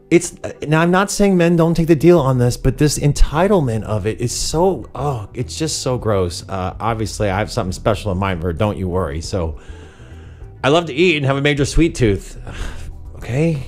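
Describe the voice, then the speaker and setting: A man's voice: mid-range voice, a little mellow. A man hosting a commentary show, reading dating profiles aloud in a sarcastic, mocking, blunt way. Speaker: host of a dating commentary channel.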